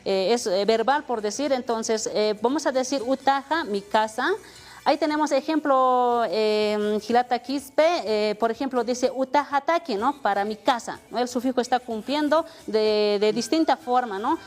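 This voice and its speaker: A woman's voice: fairly high pitch, moderate pace, darkish tone. A woman from Bolivia teaching an Aymara language lesson on television. She explains patiently and often ends phrases with a questioning tag. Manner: explanatory, many "¿no?" tags, mixes Spanish and Aymara.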